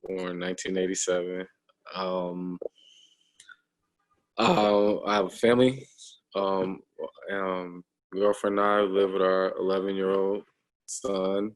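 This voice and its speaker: A man's voice: sits low, level tone, slow pace, long pauses, rough recording. A man in his thirties, a guest talking casually over a video call, hesitant, with many ums and restarts. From United States. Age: 30s.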